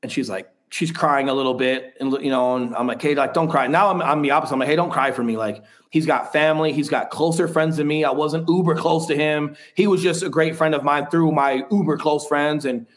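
A man's voice: on the high side, fairly even intonation, fairly quick, hardly any pauses. A man in his thirties, a podcast guest, telling a personal story in a frank, rambling way with casual swearing.

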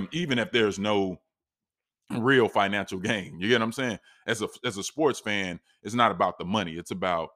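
A North Carolina man in his late thirties speaks with a fairly low, expressive, slightly bright voice at a moderate pace, recorded in clean, echo-free studio quality. Sipping tea, his voice a little scratchy, he gives a casual monologue on sports fandom as a fan commentator, rambling conversationally with many restarts and asides.

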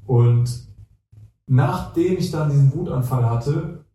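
A man telling a relaxed, slangy story as a podcast guest. His tone is very dark and mellow. He sounds distant from the mic in a very echoey room. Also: medium pitch, slow pace. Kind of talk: casual storytelling chat.

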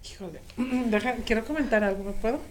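A woman's voice: a little high, fairly quick, a little hiss or hum. A woman co-host with a Mexican Spanish accent, chatting casually and acting out quoted voices while telling a story. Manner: lively storytelling, quotes others, colloquial. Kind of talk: casual panel talk.

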